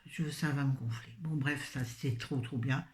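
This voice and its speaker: At a moderate pace and with a rumbling low voice, a weary woman runs through her shopping haul in a scattered, self-deprecating chat. She's a vlogger, filming on her phone in an echoey space.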